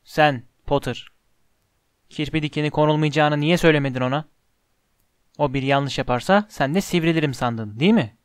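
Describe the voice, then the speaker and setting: A man voicing a cold, sneering middle-aged potions master in an audiobook, speaking in a low, quiet, contemptuous drawl. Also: moderate pace, pauses often, clear, resonant tone, dry recording, studio quality, close to an everyday voice. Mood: scornful. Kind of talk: audiobook character reading.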